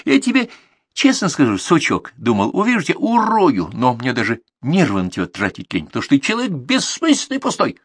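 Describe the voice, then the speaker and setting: A man voicing a crude, bullying middle-aged male chief editor who yells hoarse insults. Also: on the high side, very animated, moderate pace, dry recording, clean studio sound, voice pushed up, exaggerated voice. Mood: contemptuous.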